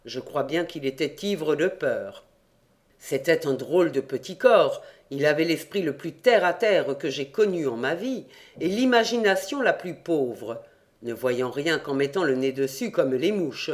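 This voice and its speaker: A man reading an adventure novel aloud in first person, calm and measured. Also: fairly high pitch. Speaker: audiobook reader. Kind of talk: scripted narration of an adventure novel.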